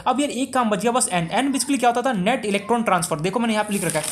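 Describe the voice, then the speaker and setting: A young man with an Indian Hindi accent teaching chemistry, talking very fast in one breath and asking and answering his own questions. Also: sits high. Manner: rapid, talks in one breath, asks and answers himself. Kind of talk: fast explanatory lesson.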